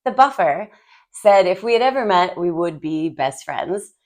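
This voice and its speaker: A woman's voice: lowish voice, expressive, measured pace. A young adult woman co-hosting a podcast in casual chat, playful and joking, swearing casually. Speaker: podcast co-host.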